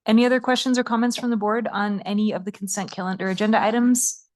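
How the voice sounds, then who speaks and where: A woman's voice: mid-range voice, steady tone, darkish tone. Woman with a Wisconsin accent chairing a meeting. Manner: brisk procedural chairing. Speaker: board chair. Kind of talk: chairing a public board meeting.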